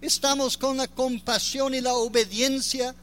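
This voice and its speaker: A man preaching a sermon in an earnest, unhurried way, pausing often with fillers and rising in emphasis on key points. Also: extremely high pitch, fairly even intonation, fairly bright tone.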